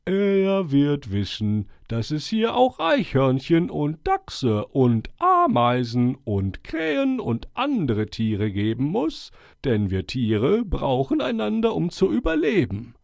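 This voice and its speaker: A man voicing a wise, friendly old male owl who chairs a forest meeting, speaking slowly and stately with hooting calls. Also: on the high side, huge pitch swings, vocal fry, no echo, clean studio sound, pitched above the performer's own voice, heavily acted. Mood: calm. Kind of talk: storybook character voice.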